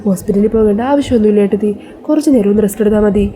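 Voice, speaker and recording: A woman's voice: mid-range voice, racing, dark tone, slight background noise, lightly acted. A woman voicing a sorrowful ailing mother.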